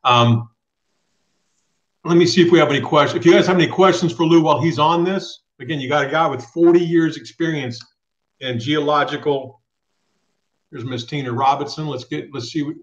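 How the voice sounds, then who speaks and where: A man's voice: on the high side, moderate pace. A middle-aged man hosting a live trucking show over a video call, firm and direct as he reads out viewer questions. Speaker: host of a live trucking channel. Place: small home room. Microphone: webcam on a video call. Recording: roomy, dull webcam audio.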